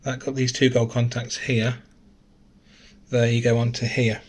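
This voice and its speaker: A man's voice: mid-range voice, level tone, measured pace, slightly rough. A man giving a casual, chatty phone teardown tutorial, thinking aloud and correcting himself as he goes, recorded on a camera mic at a desk indoors. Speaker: gadget reviewer.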